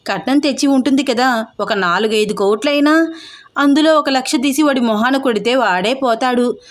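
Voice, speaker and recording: A woman voicing a scheming middle-aged aunt who complains loudly and theatrically. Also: fairly high pitch, natural voice. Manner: loud, dramatic, wailing complaints.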